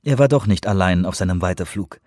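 A man calmly reading a novel aloud in scripted narration, measured and even. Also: low-pitched, no echo, studio quality. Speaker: audiobook narrator.

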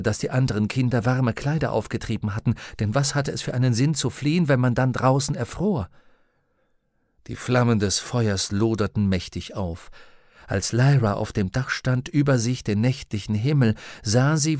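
Male audiobook narrator, measured and dramatic, mid-pitched voice, dry close recording. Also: darkish tone, dry recording. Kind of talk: scripted narration.

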